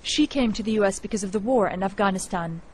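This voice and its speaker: A woman reporter reading a scripted news narration in a measured, clear delivery. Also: mid-range voice, darkish tone, a little hiss or hum.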